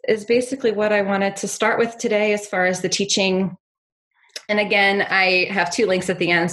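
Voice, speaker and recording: A woman calmly and gently leading a guided spiritual meditation, as a prayer leader giving grounding guidance. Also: mid-range voice. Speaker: prayer leader guiding a contemplative scripture practice.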